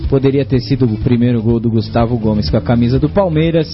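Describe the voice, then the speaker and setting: A man's voice: medium pitch, fast talker. A man with a Brazilian Portuguese accent hosting a post-match football show, giving commentary. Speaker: sports radio host. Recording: dull web radio sound over music.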